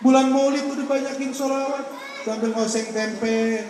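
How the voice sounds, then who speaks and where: Male preacher, very high voice, joking street-talk sermon, boomy echo from far off over loudspeakers. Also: steady tone, moderate pace, crowd noise, background noise. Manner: joking colloquial banter mixed with chanted prayer. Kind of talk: religious sermon to a crowd. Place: outdoor park gathering. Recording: echoey loudspeaker sound from far off.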